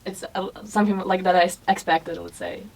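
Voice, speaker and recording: A young woman from Croatia, chatting casually as a guest in a soft, hedging way. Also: lowish voice, fairly even intonation, fast talker, breathy edge. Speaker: guest, student. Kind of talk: casual chat. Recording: distant mic.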